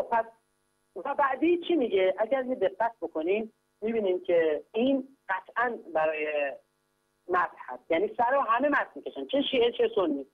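A man calling in to teach a religious text lesson, explaining grammar patiently and step by step, repeatedly urging listeners to pay close attention. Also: extremely high pitch. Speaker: caller teaching Quran grammar. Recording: tinny phone line with hum.

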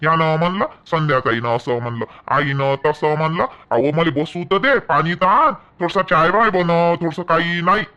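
A man's voice: fairly high pitch, normal speed, few pauses, bright, forceful tone, dull audio. A man with a rural Maharashtra Marathi accent playing a husband in a village family skit, coaxing and mildly teasing. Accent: Marathi dialect of rural Maharashtra.

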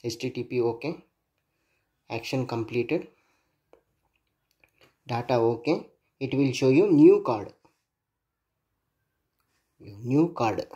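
Indoors at a workbench, a man narrates a hands-on electronics demo, thinking aloud haltingly and spelling out digits and letters. His voice is medium-pitched, mellow and lively in intonation, captured with lo-fi sound.

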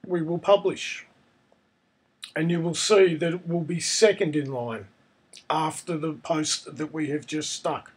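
A man presents a casual software tutorial in a noticeably high voice. It sounds husky and croaky, hoarse with a cold, as he talks through each step. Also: steady tone, a little slow. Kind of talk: casual screencast tutorial narration.

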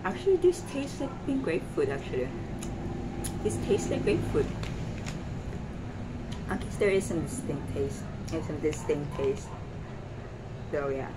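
Casual vlogger, candy in mouth, halting and filler-heavy, with a mid-range voice and a steady air-conditioner drone underneath. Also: medium pitch. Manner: hesitant, with many fillers and restarts. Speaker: vlogger doing a taste test. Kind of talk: casual product review. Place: a home in the Philippines. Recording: loud air conditioner hum behind the voice.

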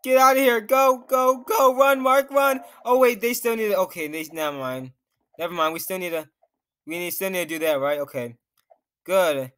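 His voice sits high, slightly bright, clear and resonant, at a moderate pace. He's a young gaming YouTuber who nervously comments on his gameplay, jittery and talking to himself as he reacts to the screen.

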